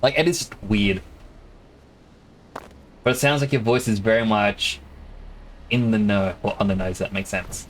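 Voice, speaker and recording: Over a game stream, an Australian man whose accent leans partly American gives casual, extended explanations. His fairly low voice is unhurried, broken by long pauses, and the poor-quality audio has a slight hiss or hum.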